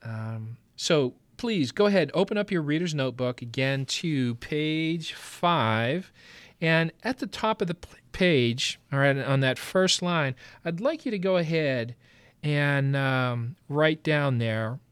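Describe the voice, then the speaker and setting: A man's voice: fairly high pitch, animated, fairly bright tone, smooth, dry recording. Patient male teacher giving a reading lesson. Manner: patient, instructive, with frequent fillers and pauses.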